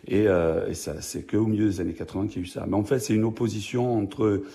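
Man, Marseille accent, very low dark voice, gravelly, hesitant with restarts. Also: steady tone, quick pace. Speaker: journalist guest. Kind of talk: radio interview answers.

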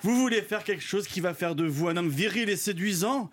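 A man's voice: sits high, animated, fairly quick, slight background noise. A man voicing a wife dressed as a stewardess, speaking in a languorous, sultry way.

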